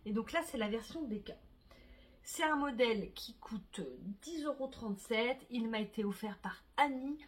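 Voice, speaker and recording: Woman, knitting vlogger, slightly high, husky, chatty and unscripted, filler-heavy. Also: normal speed. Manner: chatty, many fillers, soft asides. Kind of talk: casual chat to camera.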